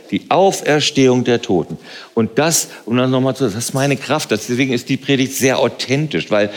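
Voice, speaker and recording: A man preaching a sermon in a church, moving between quiet reflective passages and loud emphatic calls. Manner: rises to loud emphatic calls, then drops soft and low. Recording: music playing behind.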